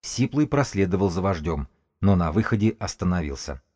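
Male narrator, audiobook, steady, very deep, dark, mellow. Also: normal speed.

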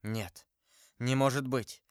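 A man's voice: measured pace, clear, resonant tone, no room sound, studio quality, lightly acted. A man doing a grave, brooding musketeer. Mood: hushed. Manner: low, hushed, trembling. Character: grave older male musketeer, brooding and restrained.

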